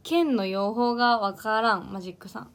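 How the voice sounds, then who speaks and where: A woman's voice: a little high, normal speed. Young female idol livestreamer, Iyo dialect, loose chatty delivery, frequent laughs and restarts. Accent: Iyo dialect of Ehime, Japan. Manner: chatty, laughs often, stumbles and restarts words. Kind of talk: casual livestream chat reading comments.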